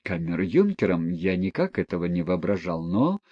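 A gentle young prince answers in a low, hesitant mumble, as a man reads him. His tone is warm and mellow. The voice is dry and close to the mic. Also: big pitch swings, normal speed, breathy edge, no echo, dull audio, heavily acted. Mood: timid.

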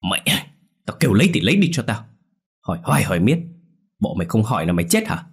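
A man's voice: sits low, wildly swooping pitch, fast, fairly bright tone, slightly rough, full character voice. A man voicing a brutal middle-aged village man with a violent temper, snarling coarse threats. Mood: frantic.

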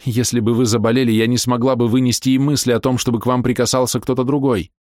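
A man's voice: mid-range voice, level tone, quick pace, darkish tone, no echo, clean studio sound, pitched above the performer's own voice, lightly acted. A man voicing a lonely, self-doubting woman of forty who pleads tearfully in an audiobook reading.

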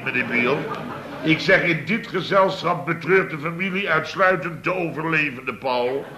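A man with a fairly high, sharp-toned voice acts in a Dutch radio comedy as the blustering, exasperated head of a construction company. He tells anecdotes, exclaiming and repeating himself along the way.

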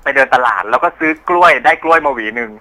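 Quick, bright-voiced male caller. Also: on the high side, low-quality recording. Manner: hesitant, repeats words while storytelling. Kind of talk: casual call-in chat.

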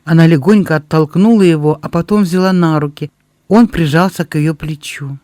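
A man's voice: fairly high pitch, normal speed, a little mellow, no room sound. A man reading a novel aloud as an audiobook, telling the story steadily and expressively on a close microphone. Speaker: audiobook reader. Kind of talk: scripted narration.

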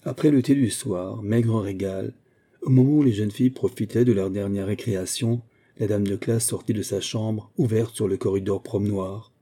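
A man reading a classic novel aloud as an audiobook narrator, in a measured, even way. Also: lowish voice, husky. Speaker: audiobook reader.

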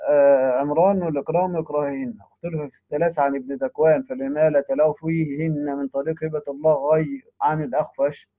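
A Quran readings teacher reads a classical text briskly, then pauses for short, plain comments explaining it. His voice is somewhat high for a man. The recording is dull, lo-fi, dry and close.

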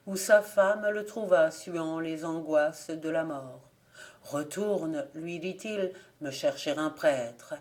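A woman narrates folk tales for an audiobook. She reads in a steady, clear storytelling manner, with a fairly low voice. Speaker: volunteer audiobook reader.

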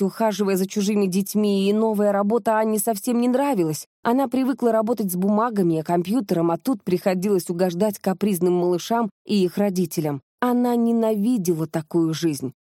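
A woman voicing a sharp-minded woman investigator who calmly lays out a case in a close, dry studio recording. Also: medium pitch, brisk, few pauses, no room sound, natural voice. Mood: explaining. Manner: calm, reasoned explaining.

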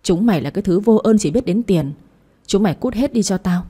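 A woman voicing an older mother who shouts at her grown children and protects her eldest daughter. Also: mid-range voice, animated, a little fast, husky. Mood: furious. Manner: shouting scolds. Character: middle-aged Vietnamese mother, fiercely protective, scolding.

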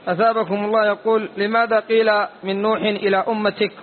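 A man with a high, flat voice formally reads out questions from the audience, opening each with a blessing. He sounds tinny and distant, with faint background noise. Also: quick pace.

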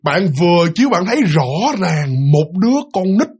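A man's voice: high voice, very animated, normal speed, a little mellow, husky. A man with a Southern Vietnamese accent telling a ghost story in a casual, chatty way, speaking to the listener as "you" and imitating the sounds he describes.

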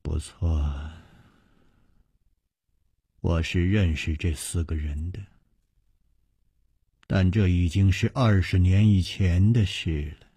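A man voicing a cold, guarded middle-aged widow in a wuxia story, speaking low, flat and measured. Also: slightly rough, no echo, studio quality, heavily acted.

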